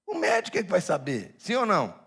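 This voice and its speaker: A male pastor preaching a sermon, swinging between hushed asides and shouted emphasis and asking his congregation direct questions. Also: high-pitched, wildly swooping pitch, brisk, husky.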